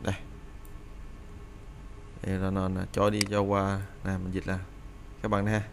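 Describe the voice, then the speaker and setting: A man with a fairly low voice talks through English phrasal verbs in a relaxed, casual lesson. He reads the English examples out and repeats them several times as he explains in Vietnamese. A faint background hum sits under his voice. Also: measured pace. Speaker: English teacher.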